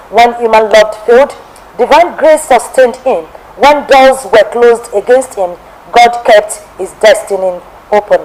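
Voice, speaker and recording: A woman from Nigeria hosting a television testimony program and reading a formal, measured biographical narration. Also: fairly high pitch, a little mellow, a little hiss or hum, rough recording.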